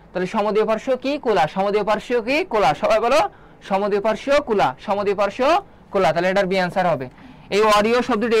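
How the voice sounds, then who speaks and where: A man teaching an online exam-prep biology class, quizzing students and repeating key terms to drill them. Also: high voice. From Bangladesh. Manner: quick, drilling delivery.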